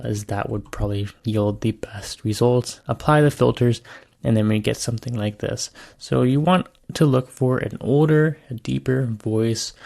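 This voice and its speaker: A man hosting a casual software tutorial, talking in a loose, chatty way with filler words. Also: mid-range voice, vocal fry. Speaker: tutorial host.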